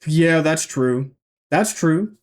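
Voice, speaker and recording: Thinking aloud and often starting his sentences over, a reaction video host in his twenties offers casual commentary. He speaks slowly in a fairly high, expressive voice.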